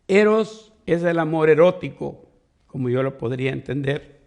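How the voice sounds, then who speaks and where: A man's voice: fairly high pitch, animated, normal speed, vocal fry, darkish tone. A man preaching a sermon as pastor, teaching step by step and leaning on quoted questions. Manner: teaching Bible study, explains words step by step.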